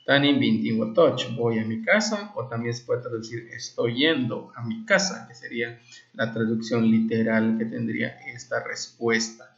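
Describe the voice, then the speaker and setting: A Maya language teacher from Valladolid, Yucatán, Mexico gives an informal lesson in a medium-pitched, mid-range voice at a moderate pace. He works through examples and translations step by step, often checking in with short questions. The recording is dull, lo-fi, and noticeably echoey.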